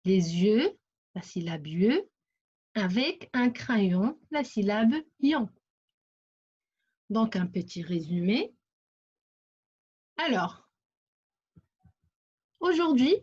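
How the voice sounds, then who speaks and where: Slow, lively-voiced woman teaching reading. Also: medium pitch, husky. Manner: slow, deliberate, repeating words and syllables. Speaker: primary school teacher. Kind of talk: reading lesson for young children. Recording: dull lo-fi recording.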